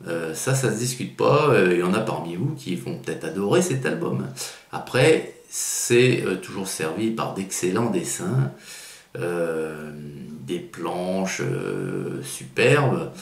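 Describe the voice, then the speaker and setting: A man's voice: deep voice, very animated, takes it slowly, creaky. A man giving a casual spoken review of a comic book, hesitant and full of fillers and restarts, often stressing that it is only his own taste. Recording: roomy echo.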